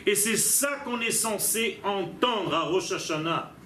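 High-voiced, slow-speaking rabbi. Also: male voice, pushed and bright, a little hiss or hum. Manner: emphatic, asks rhetorical questions. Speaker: rabbi teaching a class. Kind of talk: religious lesson. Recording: echoey room.

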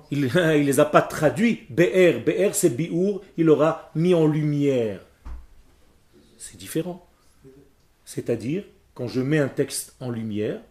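A Hebrew and Torah teacher from Israel, whose first language is Hebrew, teaches a class in an emphatic style, questioning his students and explaining word by word. His voice is slightly high and a bit mellow.

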